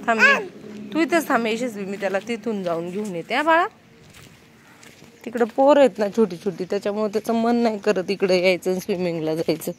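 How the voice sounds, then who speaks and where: A woman's voice: mid-range voice, animated, a little fast. Coaxing young mother, faint noise. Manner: coaxing and scolding small children. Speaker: vlogger and mother. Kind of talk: casual family vlog.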